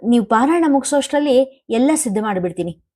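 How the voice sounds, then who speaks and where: A woman voicing a gentle, worried older wife who speaks softly and anxiously in a storybook reading. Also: fairly high pitch, expressive, brisk, pitched above the performer's own voice. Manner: soft, anxious pleading.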